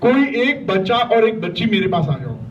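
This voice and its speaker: High-voiced man teaching in a distant room. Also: very animated, moderate pace. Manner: keeps checking with "right?"; encouraging, praises students often. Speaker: school workshop facilitator. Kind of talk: interactive classroom talk to students. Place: school hall or classroom. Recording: distant, dull mic with faint room noise.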